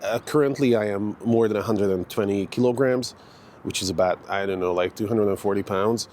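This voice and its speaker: Walking through a park one morning, this Hungarian man in his 40s, a fitness vlogger, talks loosely with plenty of fillers and false starts. The delivery is a little fast, the voice lowish and slightly mellow, and a faint hiss or hum runs under the recording.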